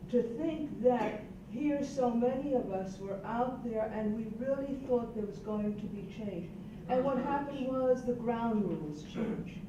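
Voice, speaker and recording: Picked up by a far-off microphone in an echoing room, this older Puerto Rican panelist sounds dull and noisy, her voice slightly high. She contributes to the roundtable with earnest, thoughtful emphasis.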